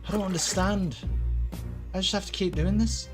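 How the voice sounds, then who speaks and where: A man's voice: high-pitched, normal speed. A man giving casual gameplay commentary, thinking aloud in a puzzled way. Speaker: video game player commentating. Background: game music.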